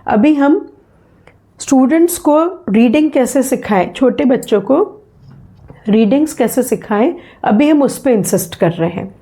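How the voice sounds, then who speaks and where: Slow, mellow woman teaching phonetics. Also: on the high side, expressive. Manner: patient, repeats sounds and examples for learners. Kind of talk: slow spoken lesson in Hindi mixed with English.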